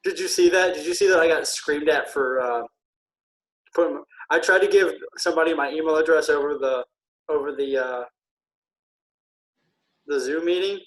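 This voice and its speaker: A man who is feeling ill, a military veteran speaking earnestly and haltingly with many pauses in a casual podcast conversation. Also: a little high, a bit bright, poor audio.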